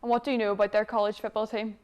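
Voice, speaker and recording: A woman's voice: medium pitch, level tone, very fast, smooth, lo-fi sound. A young woman with a Northern Irish accent, hosting a sports show with casual interview chat. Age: young adult. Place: studio.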